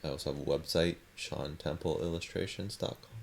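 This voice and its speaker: A man with a very deep voice, speaking in a casual chat. He keeps it low-key and brief, and faint noise sits behind him. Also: a little fast, creaky. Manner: low-key, few words. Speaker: guest artist.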